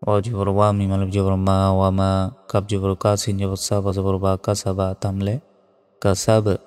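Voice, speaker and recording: A man teaching Quran reading with a Bangladeshi Bengali accent, spelling out each letter slowly and then chanting the verse. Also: sits low, completely flat delivery, clean tone. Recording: studio voice with long reverb and soft music.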